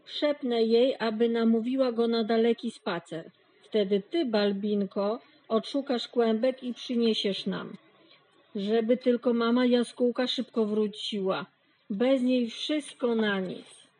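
A woman's voice: a little high, slow pace, a little mellow, rough recording. A woman voicing an eager, friendly young male dog who leads the farm animals in a storybook reading. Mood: eager, bossy.

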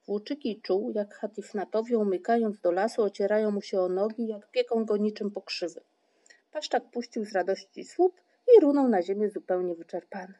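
Woman narrator for a children's audiobook, expressive and measured, mellow voice. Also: mid-range voice.

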